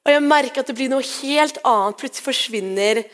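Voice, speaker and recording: A woman's voice: sits high, a bit bright. A woman pastor giving a sermon in a church service, retelling scripture in a personal, conversational way. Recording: long hall reverb.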